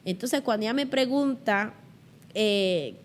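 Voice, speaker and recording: A woman's voice: a little high, slow pace. A middle-aged woman with a Puerto Rican accent, a guest telling childhood stories in an interview and acting out the voices in them. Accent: Puerto Rican Spanish. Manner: animated, acts out childhood voices. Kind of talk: storytelling in an interview.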